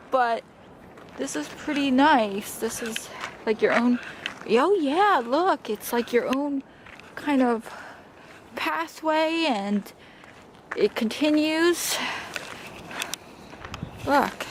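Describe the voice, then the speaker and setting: A woman chatting casually as she vlogs outdoors, with wind on the mic. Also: high voice. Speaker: vlogger. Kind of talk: casual vlog chat. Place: outdoors in windy weather.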